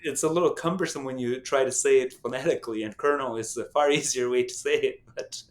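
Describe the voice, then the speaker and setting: A middle-aged man whose first language is Albanian, a podcast host and company founder, tells stories animatedly in a casual podcast chat, full of restarts and chuckles. His voice is mid-range and quick.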